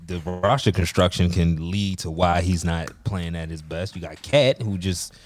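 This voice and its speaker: A man co-hosting a casual sports talk show, animated and emphatic, often repeating himself. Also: low voice, normal speed. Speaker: podcast co-host.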